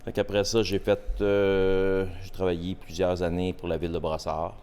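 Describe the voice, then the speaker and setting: A man in his forties with a Québécois accent, a podcast guest speaking in a hesitant, halting way with many fillers. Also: deep voice, monotone, darkish tone, clean tone. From Quebec. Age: 40s. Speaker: podcast guest, host's father. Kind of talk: casual interview.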